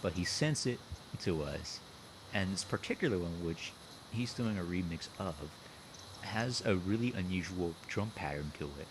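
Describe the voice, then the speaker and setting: A man's voice: low voice, expressive, normal speed, noisy background. A man hosting a casual group chat, teasing his friends playfully. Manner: teasing, playful, counts down jokingly. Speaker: podcast host.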